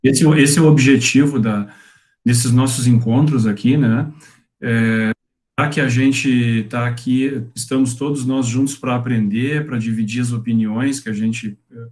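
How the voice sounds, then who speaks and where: A man moderating a study group, speaking in a middle-pitched voice. He sounds friendly and collegial as he praises the presenter and brings the group together. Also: fairly even intonation, measured pace, a little mellow. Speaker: meeting moderator. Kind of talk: encouraging group wrap-up.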